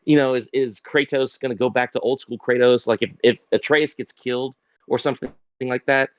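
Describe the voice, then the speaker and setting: A man's voice: medium pitch, steady tone, a little fast, no room sound, lo-fi sound. A man who is a guest on a podcast, rambling in casual chat, with "like" and "you know" in every sentence.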